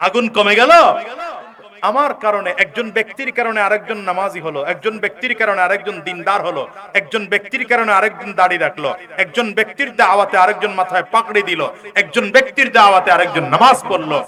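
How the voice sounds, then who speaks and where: Man, preacher, sermon, high voice, calls out to the crowd. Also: fast. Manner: calls on the crowd to answer loudly, swings between shouting and low asides. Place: large gathering with a crowd.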